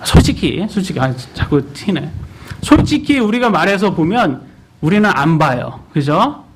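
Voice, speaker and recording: Lively high-voiced man preaching. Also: normal speed, a little hiss or hum. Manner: animated, asks the congregation questions. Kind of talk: sermon. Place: church.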